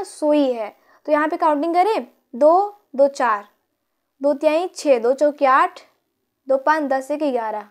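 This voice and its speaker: A woman's voice: high voice, a little mellow. A woman teacher explaining a grammar lesson, counting syllables aloud and asking her pupils questions.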